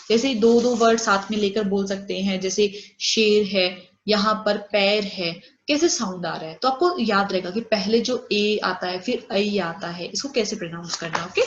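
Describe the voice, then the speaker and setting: A woman teaching a Hindi lesson, saying example words slowly and giving their English meanings. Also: mid-range voice, slight background noise. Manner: explains Hindi words with English glosses, slow drawn-out examples. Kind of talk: online class lesson. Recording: echoey room, dull lo-fi audio.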